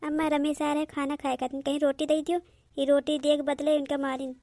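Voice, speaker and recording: A woman's voice: high-pitched, level tone, fairly quick, dark tone, no echo, studio quality. A woman voicing an earnest, hardworking elder daughter-in-law and protective mother with an Awadhi accent. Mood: indignant.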